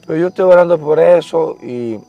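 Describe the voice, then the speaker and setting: In an interview, a young man recounts his religious conversion as casual storytelling, sounding earnest, emotional and repetitive as he gives his testimony. His voice is on the high side and a little fast, and the audio is dull.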